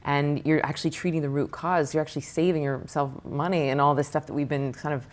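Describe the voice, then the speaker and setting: Low-voiced woman meditation teacher. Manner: animated, lists questions rapidly. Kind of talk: podcast interview answers.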